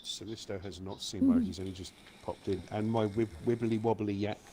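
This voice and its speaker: A man's voice: on the low side, fairly even intonation, a little fast, warm tone, a little hiss or hum. A man chatting casually and playfully on a gaming livestream, explaining tactics and joking with viewers. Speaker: live streamer and gaming community host. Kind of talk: casual chat and game advice on a livestream.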